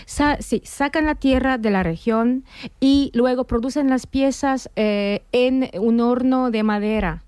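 A woman from Poland with a Polish accent, speaking Spanish as a second language, talking as an exhibition curator in a radio interview and pausing often with fillers and restarts. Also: fairly high pitch, a little mellow, clear, resonant tone, dry recording, clean studio sound. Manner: hesitant, many fillers and restarts.

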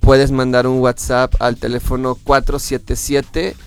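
A Mexican therapist, appearing as a guest in a casual chat, explains things calmly using examples and fillers. He speaks Mexican Spanish in a clear, resonant, medium-pitched voice at an unhurried pace.

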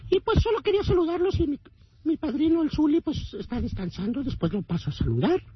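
A man's voice: extremely high pitch, big pitch swings, fast talker, dry recording. A Mexican man leaving a comedic voice message for a radio show, talking in a theatrical, boastful, sing-song way. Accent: Mexican Spanish. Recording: dull radio-broadcast sound.

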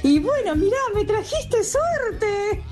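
A woman's voice: extremely high pitch, very animated, slow pace, darkish tone. A woman from Córdoba with an Argentine accent, leaving an effusive phoned-in message for a radio show. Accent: Argentine Spanish. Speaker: caller.

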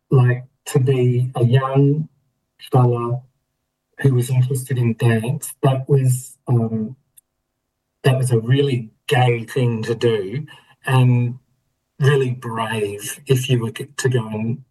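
A man's voice: mid-range voice, darkish tone, breathy edge, rough recording. A middle-aged Australian man, a guest in a casual interview, telling his story reflectively with a laugh now and then. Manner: reflective, laughing, many restarts.

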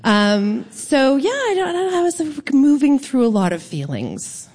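A woman's voice: high voice, big pitch swings, moderate pace, a little mellow. A playful, jokey woman, chatting and laughing as a musician guest on a live stage. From Toronto, Canada. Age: 50s. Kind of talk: live stage interview chat. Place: theater stage before an audience.

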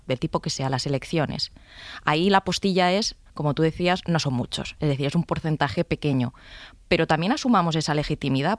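On a radio panel, a female political commentator argues her point fast and forcefully. Her voice is on the low side, captured on a studio microphone with no echo.

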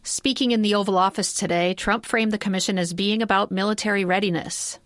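Female correspondent, medium pitch, scripted news delivery, dry recording. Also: steady tone, brisk, fairly bright tone, no echo. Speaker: news reporter. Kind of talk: scripted radio news report.

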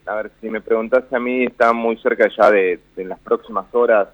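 A Buenos Aires man with a Rioplatense Spanish accent and a slight northern Argentine lilt offers finance commentary on the radio, rambling with frequent restarts and fillers. His lowish voice is brisk with fairly even intonation, and the audio is narrow and tinny with no room sound.

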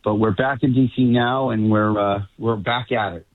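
A man's voice: fairly low pitch, fairly even intonation, moderate pace, no echo. A middle-aged man with a faded Boston accent, chatting casually and a little hesitantly as a correspondent on a radio show. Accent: Boston, fading. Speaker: Washington correspondent, guest caller. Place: remote link to a radio show. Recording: tinny, band-limited remote line.

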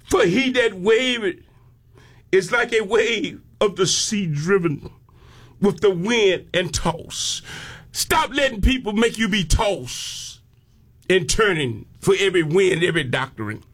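Slow and animated, this high-pitched, somewhat bright male voice has an American accent. He delivers an impassioned call-and-response sermon, frequently stopping to cry out in praise.

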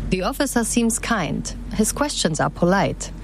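A woman reporter giving scripted news narration in a measured, even way. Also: medium pitch, slight background noise.

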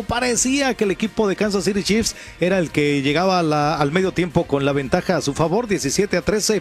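A man hosts a live American football broadcast on radio. His voice sits a little high for a man. Music plays underneath as he commentates. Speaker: sports radio host and play-by-play announcer.

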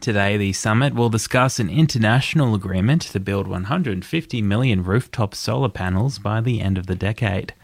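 An Australian man delivers a scripted news bulletin in an even, measured manner. His voice sits low. The sound is dry and close, with no room around it. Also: vocal fry, no room sound. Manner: steady measured newsreader delivery. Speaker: news presenter.

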